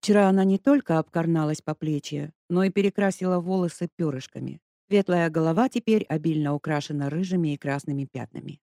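An audiobook narrator reading a story in a lively, expressive way. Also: mid-range voice, brisk, hardly any pauses, no echo, clean studio sound. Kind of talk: scripted narration.

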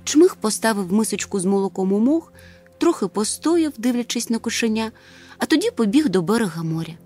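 A woman narrating a children's storybook in an expressive, lively way. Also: on the high side, brisk, faint music behind. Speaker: audiobook narrator.

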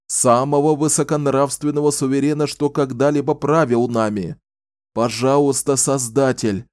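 A man's voice: medium pitch, mellow, no room sound, studio quality, pitched above the performer's own voice, close to an everyday voice. An actor playing an impassioned male orator who harangues a crowd, pleading and declaiming. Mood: fervent.

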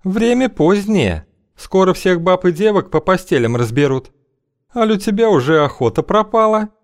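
A man's voice: high-pitched, animated, moderate pace, voice pushed up. A man reading an audiobook, voicing a bold, scheming older woman matchmaker who talks in a languid, teasing, coaxing way.

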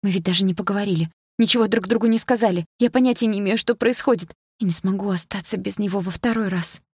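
A woman voicing a clinging, heartbroken young woman who begs in a raised, high voice, in an audiobook. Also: fast talker, slightly rough, dry recording, studio quality. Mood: frantic begging. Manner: high, tearful pleading, shouting.

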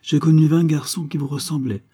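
A man's voice: on the high side, steady tone, fairly quick, mellow, pitched above the performer's own voice, lightly acted. Man voicing a mocking young foreign woman. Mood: teasing. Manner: mocking, poised, teasing.

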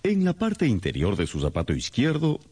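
An actor playing Sherlock Holmes as a brilliant, condescending detective, theatrical and didactic, in a radio drama. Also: male voice, mid-range voice, huge pitch swings, normal speed, warm tone, slightly rough. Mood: lecturing, self-assured.

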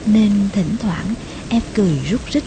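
A woman narrating a memoir audiobook in a slow, soft, emotional way, with passages dropping to a hush. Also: mid-range voice, noisy background.

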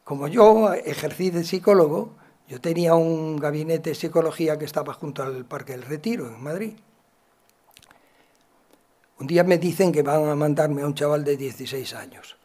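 A man from gives a talk, telling stories from his work as a psychologist and acting out the dialogue with big swings in loudness. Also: fairly high pitch, normal speed. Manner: animated, acts out dialogue with shifts in loudness. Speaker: psychologist and educator giving a talk. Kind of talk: storytelling lecture.

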